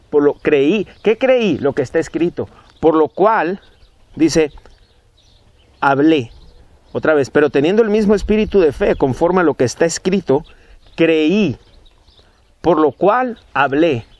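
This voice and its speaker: A man's voice: on the high side, a little mellow, no echo. A man teaching from the Bible, emphatic and repetitive, his voice jumping up on key words. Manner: emphatic, rising on key words, repeating phrases. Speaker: preacher.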